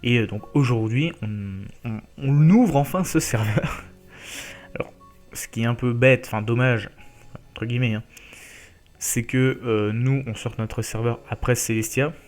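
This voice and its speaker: Man, mid-pitched, easygoing gaming host, rambles with fillers, faint music underneath. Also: unhurried, a little mellow. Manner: chatty, full of fillers and checks like "d'accord?". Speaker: Minecraft YouTuber introducing his series. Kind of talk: casual gaming video intro.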